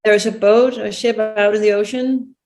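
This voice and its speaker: A woman's voice: medium pitch, fairly even intonation, moderate pace. A woman from Denmark with a Danish accent, a film producer answering interview questions thoughtfully and searching for her words.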